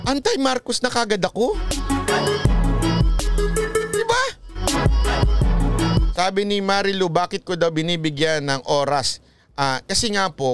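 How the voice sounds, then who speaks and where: High-voiced man giving mocking political commentary. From Philippines. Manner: mocking and lecturing, chuckles often, switches into English. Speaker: political vlogger.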